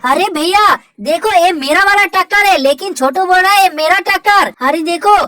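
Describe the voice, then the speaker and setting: A woman's voice: very high voice, moderate pace, a bit bright, no room sound, studio quality, voice pushed up. A woman voicing a stubborn, possessive boy who complains, in toy play-acting for kids.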